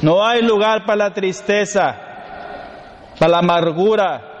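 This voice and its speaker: In a high-pitched voice and at a slightly slow pace, a male priest preaches with forceful repeated lists and comic story digressions. The hall gives a long reverb, with faint noise in the background.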